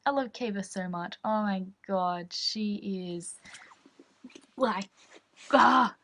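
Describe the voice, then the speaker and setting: A woman's voice: medium pitch, takes it slowly. A young woman from Australia, chatting casually in a reading vlog and gushing with lots of fillers. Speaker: book vlogger.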